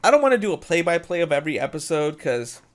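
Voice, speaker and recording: Laid-back swearing podcast host, higher voice. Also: male voice, sing-song, fast. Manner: laid-back, swears a lot, says dude and bro. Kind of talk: casual chat.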